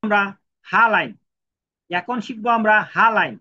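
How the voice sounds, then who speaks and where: Male language tutor, high bright voice, lo-fi sound, patient stroke-by-stroke delivery. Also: lively intonation, moderate pace. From Bangladesh. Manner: repetitive, counts out each stroke. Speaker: Japanese language teacher. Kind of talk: step-by-step writing lesson. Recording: dull lo-fi recording.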